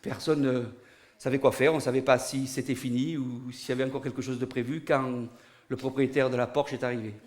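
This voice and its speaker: A man telling a comic story in an animated way, full of sound effects. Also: medium pitch, brisk, a little hiss or hum. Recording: studio recording.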